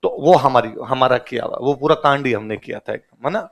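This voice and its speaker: A male history teacher giving a casual classroom lecture, telling the story in plain everyday speech and asking the class a quick question after almost every point, then answering it himself. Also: mid-range voice, gravelly.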